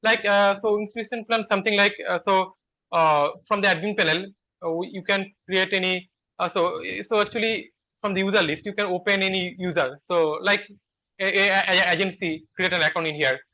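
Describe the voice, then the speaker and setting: Developer type, high bright voice, halting with fillers, dull call audio. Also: male voice, steady tone. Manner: halting, many fillers and restarts. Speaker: software developer. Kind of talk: video call work meeting. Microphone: video call.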